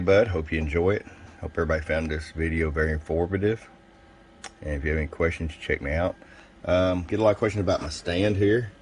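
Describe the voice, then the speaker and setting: With a rumbling low, slightly mellow voice, a man who repairs and sells radios walks through a technical product demo in a relaxed, folksy way. Room ambience and background noise come through clearly.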